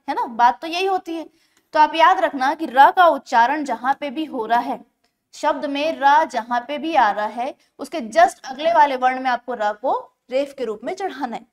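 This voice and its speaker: A woman teaching an exam-prep grammar lesson, explaining step by step and slowing down to spell words out syllable by syllable. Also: sits high. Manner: explains step by step, often checks in with the class.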